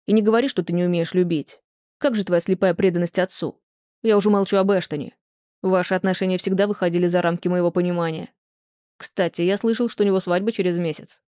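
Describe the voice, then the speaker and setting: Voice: mid-range voice, steady tone, quick pace, warm tone, smooth, no echo, close to an everyday voice. An audiobook reader voicing a remorseful ex-husband who pleads and reproaches himself in a plain, close, dry read. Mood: accusing. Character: remorseful ex-husband pleading with his former wife.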